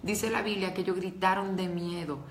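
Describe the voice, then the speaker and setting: A woman's voice: mid-range voice, fairly even intonation, normal speed, roomy sound. A woman preaching a devotional talk to women, earnest and emotional, speaking straight to her listeners.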